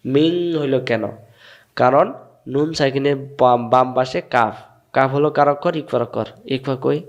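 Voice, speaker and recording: A man's voice: mid-range voice, steady tone. A man from Bangladesh with a Bangladeshi Bengali accent, teaching Quran recitation patiently and repeating each sound several times. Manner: repeats sounds slowly, asks and answers his own questions. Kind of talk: patient step-by-step lesson.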